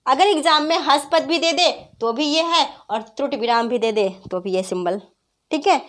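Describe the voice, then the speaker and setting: A woman's voice: high-pitched, a bit bright. A woman teaching a grammar lesson, patiently asking her students questions and repeating the answers herself. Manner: repeats questions to students, addresses them as friends; patient, explains slowly with examples. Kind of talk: online class lesson.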